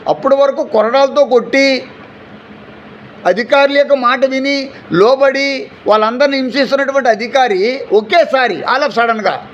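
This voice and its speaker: High-voiced man preaching a fervent sermon. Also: measured pace, long pauses, lo-fi sound, a little hiss or hum. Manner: fervent preaching with rhetorical questions and calls of hallelujah; acts out everyday people in short quoted asides. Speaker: pastor. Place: church during an afternoon service.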